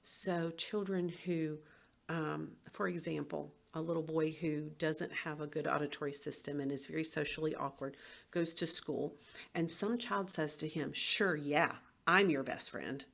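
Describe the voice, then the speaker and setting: A woman's voice: deep voice, fairly even intonation, normal speed, gravelly. A woman, a former teacher, giving an educational presentation and acting out tones of voice as she explains.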